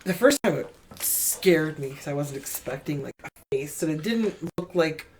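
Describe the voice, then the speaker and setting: A woman with a fairly low voice talks casually in a group, retelling what she experienced in an informal way. The recording is a noisy room with small clicks. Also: expressive, moderate pace, darkish tone. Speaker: participant in a paranormal session.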